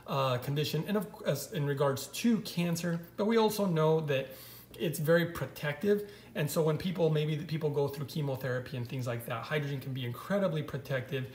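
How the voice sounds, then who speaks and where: An eager man narrates from off camera, walking viewers through pictures on a screen in a slightly high voice. His explanations come with a keen, selling energy. The room around him is bare and echoey. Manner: enthusiastic, explanatory, calls viewers guys. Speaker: vlogger.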